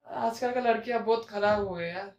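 Prying middle-aged uncle next door , put on by a woman, stern father, disapproving questions, fairly high voice, echoey room. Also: a little fast, darkish tone, dull audio, lightly acted. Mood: scolding.

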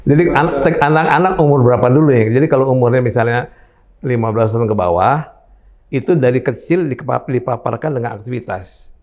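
An older man talks quickly in a gravelly voice, explaining talent mapping through everyday examples. His speech is rapid, with a rough fry running through it. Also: mid-range voice, darkish tone. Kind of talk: casual talk show conversation.

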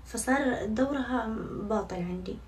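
A woman's voice: on the high side, moderate pace. Young woman vlogger, casual and joking, slight room hiss, mic a bit distant. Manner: chatty and self-mocking, swears oaths often. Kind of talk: casual vlog chat to viewers. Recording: somewhat far from mic, faint background noise.

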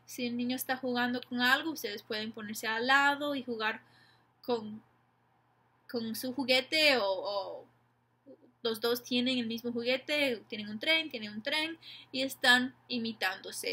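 Woman explaining stuff to parents real slow and patient, kinda high bright voice. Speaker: educator giving tips to parents. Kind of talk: informal explanatory lesson.

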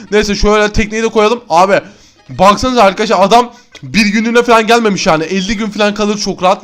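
Excitable high-voiced male gamer. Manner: excitable, exclaiming to viewers. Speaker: gaming YouTuber. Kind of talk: Minecraft gameplay commentary.

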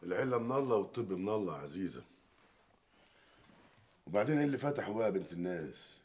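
Brief: a deep, husky Egyptian husband, flustered and defensive. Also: male voice, very animated, fast, a little mellow, heavily acted. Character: jumpy husband, defensive and evasive. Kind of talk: TV series acting.

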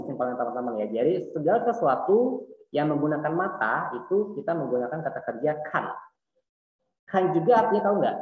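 A man with an Indonesian accent teaching a Mandarin class online, explaining patiently and repeating words slowly. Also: mid-range voice. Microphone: video call. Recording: echoey tinny online call audio.

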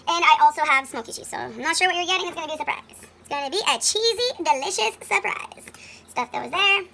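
A woman's voice: very high voice, lively intonation, fast, bright, forceful tone, a little hiss or hum. A woman in her thirties chatting casually through a home cooking demo in her kitchen, rambling and correcting herself as she goes, recorded on a phone camera. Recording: clear kitchen clatter of dishes and pans.

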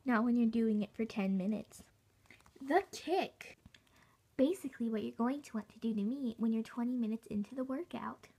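A woman playing an earnest fitness host in a parody infomercial, giving a salesy pitch with rhetorical questions and deliberate emphasis. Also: dark tone, husky. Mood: salesy, upbeat. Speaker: infomercial presenter.

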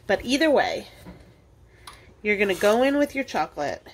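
A woman hosts a library cooking show, casually walking through a tutorial step by step while working with her hands at a kitchen counter. Her medium-pitched voice swings widely in pitch at normal speed, with a little hiss or hum in the audio.

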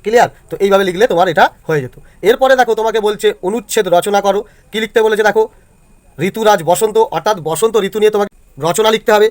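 A man's voice: high voice, fast talker. A male teacher explains exam answers to students step by step and keeps checking that they follow. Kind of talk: exam answer walkthrough lesson.

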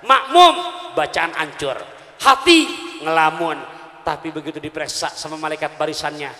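A man's voice: on the high side, normal speed, slight background noise. A male preacher giving a humorous sermon, calling out questions to the audience and joking with rhymes. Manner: animated, calls out questions to the audience, jokes with rhymes. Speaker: Islamic preacher. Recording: echoey hall with long reverb.

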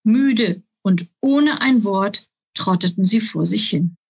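A woman author reading her children's book aloud in a calm, even storytelling voice. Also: mid-range voice, slow, vocal fry, slightly rough, no echo.

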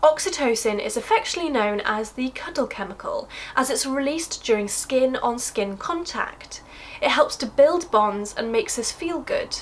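A woman's voice: fairly high pitch, lively intonation, moderate pace, slight background noise. Upbeat woman hosting a science explainer. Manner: upbeat, clear explanatory delivery. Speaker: science video host.

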